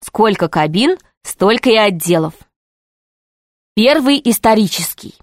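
A woman narrating a children's adventure story in an even, steady storytelling voice. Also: mid-range voice, unhurried, dry recording, studio quality. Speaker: audiobook narrator. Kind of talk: scripted narration.

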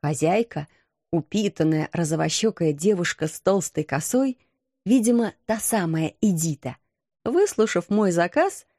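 A woman narrating a first-person story in an expressive, lively storytelling manner. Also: lowish voice, measured pace, dry recording, clean studio sound. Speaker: audiobook narrator.

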